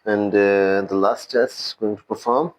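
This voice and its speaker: Male chemistry teacher, lowish voice, very slow and deliberate, explaining lab steps to students. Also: steady tone, background noise. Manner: explains in a mix of Hindi and English, addressing students. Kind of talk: lab demonstration lesson.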